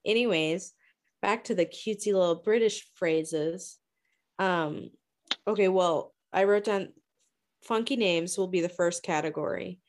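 A woman co-hosting a casual book discussion, blunt and swearing freely with quick asides. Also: on the low side, slight background noise. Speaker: book podcast co-host.

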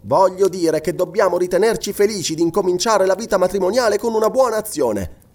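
A man's voice: animated, fairly quick, darkish tone. A man reading aloud, voicing a young noble wife who speaks firmly and generously in a raised, earnest tone. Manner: raised pitch, earnest pleading.

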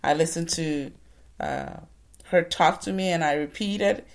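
Speaking slightly slowly in a deep, creaky voice, this motivational speaker from Ghana shares her personal story as inspiration. She addresses her listeners earnestly, much like a preacher.

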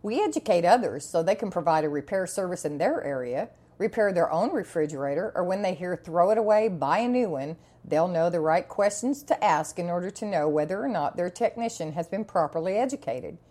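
Woman reading an ad script, lowish mellow voice, steady and clear. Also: a little fast, hardly any pauses. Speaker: advertiser. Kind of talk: scripted ad read.

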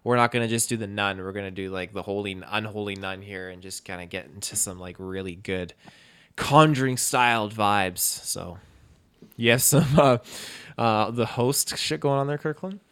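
Smooth-voiced man chatting eagerly. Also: lowish voice, moderate pace, fairly bright tone. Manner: enthusiastic, casual, swears. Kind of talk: casual group chat.

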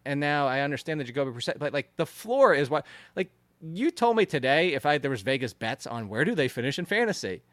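A man hosting a podcast in casual chat, animated and teasing, insisting on his points. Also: on the high side, brisk, no echo, clean studio sound. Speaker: podcast host.

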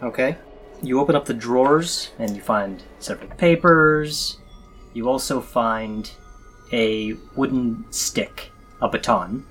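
A man running a tabletop role-playing game as game master, describing scenes in an unhurried way with pauses. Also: medium pitch, fairly bright tone, faint music behind.

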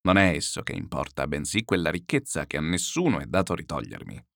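A man voicing a calm, pious older man who admonishes gently, slow and grave. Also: extremely low pitch, creaky, no room sound, clean studio sound, pitched below the performer's own voice, exaggerated voice. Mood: grave gentle. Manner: slow, grave, quietly reproachful.

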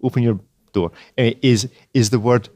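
A man's voice: mid-range voice, steady tone, a little fast, darkish tone, no room sound. A Scottish man hosting a podcast in casual chat, loose and joking. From Scotland. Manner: chatty, laughs often, loose and joking. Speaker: podcast host. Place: outdoors in a public place.

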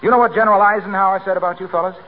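A man's voice: high-pitched, fairly even intonation, racing. An actor playing a genial, breezy announcer friend with a hearty salesman's manner in 1940s radio comedy. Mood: earnest, persuasive. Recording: noisy tinny 1940s radio broadcast.

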